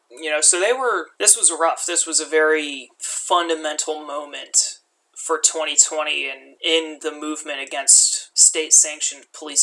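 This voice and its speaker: A man's voice: fairly high pitch, bright, forceful tone, rough recording. A young man giving angry, profane, unscripted commentary as an activist.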